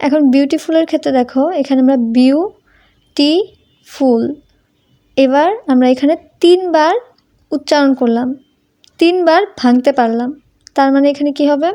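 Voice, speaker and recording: A woman's voice: high-pitched, fairly quick, dark tone. A young woman teaching English grammar to students, asking them questions and answering them herself. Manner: addresses students informally as tumi. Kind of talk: Bengali-language grammar lesson.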